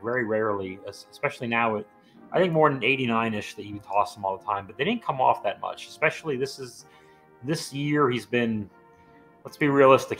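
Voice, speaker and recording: A man's voice: lowish voice, fairly bright tone. Enthusiastic man breaking down wrestling clips. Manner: enthusiastic, appreciative. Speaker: wrestling show co-host. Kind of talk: casual analytical chat.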